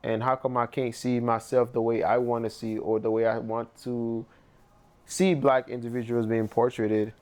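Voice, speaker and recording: In a documentary interview, a young man from Haiti who paints talks reflectively, using lots of fillers and loose phrasing. His first language is Haitian Creole and he has a Haitian accent. His voice is mid-range, level, and a little mellow, at normal speed.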